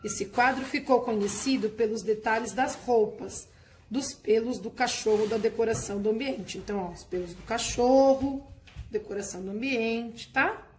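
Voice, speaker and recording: A patient woman teacher, explaining a workbook lesson step by step to her class. Her voice sits fairly high, and she keeps checking in with the students as she goes. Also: normal speed, slight background noise.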